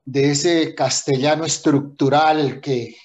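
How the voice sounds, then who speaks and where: A man's voice: fairly high pitch, fairly even intonation, takes it slowly. A man moderating the session who speaks courteously to the speaker. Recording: dull, muffled sound.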